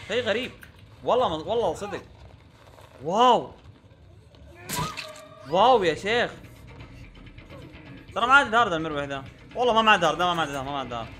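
A man's voice: sits high, expressive, fast, long pauses, sharp tone, soft background music. A young man giving gameplay commentary, exasperated and repeating himself with frequent oaths. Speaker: gaming YouTuber.

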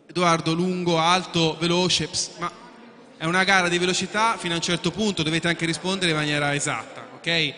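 A quiz show host explains the rules to contestants at a live quiz in an event hall, his slightly high voice pushed and bright, a little fast, with fairly even intonation. He's chatty, repeats himself and restarts sentences, and keeps asking whether everyone agrees, all in an echoey hall.

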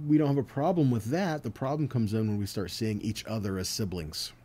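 With a fairly low, dark voice and a brisk pace, a man teaches from the Bible, reading verses and explaining them in an earnest way. Frequent check-ins like "okay?" and "right?" keep his listeners engaged.

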